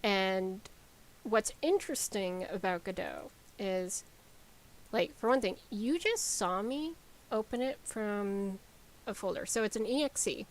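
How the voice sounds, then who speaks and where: A woman game developer explains software casually on a live stream, rambling with lots of ums and likes. Her medium-pitched voice is expressive and measured in pace, in a low-quality recording.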